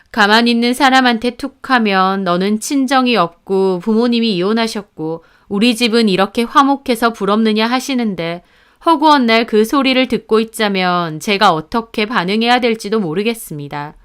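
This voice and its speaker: A woman with a smooth, clear, fairly high voice tells a first-person story from a script. Her telling is steady and indignant. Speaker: narrator.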